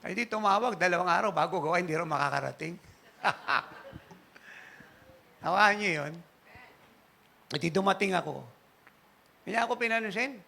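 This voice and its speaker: A man preaching a sermon in church, telling a story in an animated way and chuckling at it. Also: sits high, normal speed, gravelly, long pauses. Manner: animated anecdotal preaching, laughing at his own story. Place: church service.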